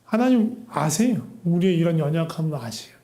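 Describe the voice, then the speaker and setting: Male pastor, high mellow voice, earnest sermon full of rhetorical questions, echoey church sanctuary. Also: very animated, fairly quick.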